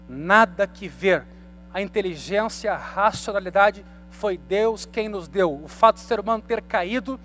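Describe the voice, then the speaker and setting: A man's voice: very high-pitched, slight background noise. A man in his thirties, a pastor giving a conversational Bible study sermon and asking the congregation rhetorical questions. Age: 30s.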